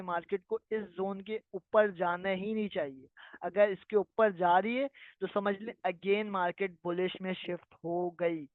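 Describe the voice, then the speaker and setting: Over a dry, tinny, phone-like recording, a high-pitched man runs a live online lesson on trading. He fields viewer questions, explains things patiently, and keeps checking that everyone follows.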